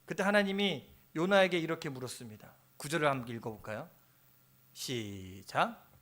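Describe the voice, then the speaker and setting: Male pastor, high bright voice, lively sermon delivery, shifts between loud and hushed. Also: moderate pace. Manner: animated, acting out quoted prayers, dropping to a near whisper. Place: church sanctuary.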